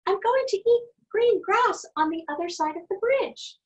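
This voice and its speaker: A woman voicing the littlest billy goat, small and clever, with a high, squeaky plea. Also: animated, moderate pace, highs cut off. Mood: pleading.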